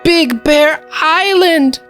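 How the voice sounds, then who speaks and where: A man voicing an eager, forgetful little bear cub in a picture-book reading, in a high, squeaky voice. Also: very slow, sharp tone, faint music behind, exaggerated voice. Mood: excited.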